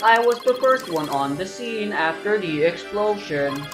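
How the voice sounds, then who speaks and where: A woman's voice: medium pitch, measured pace, pitched above the performer's own voice. A woman doing a robotic text-to-speech bomb expert. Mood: flat robotic. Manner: clipped, flat, word-by-word delivery. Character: terse male bomb expert speaking through text-to-speech. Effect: imitated robotic text-to-speech voice. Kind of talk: voiced game playthrough. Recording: echoey room with game music.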